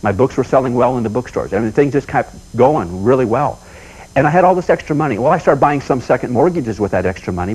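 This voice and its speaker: A man's voice: medium pitch, a little mellow, slightly rough, low-quality recording. A man telling folksy stories as a motivational seminar speaker, with punchy repetition.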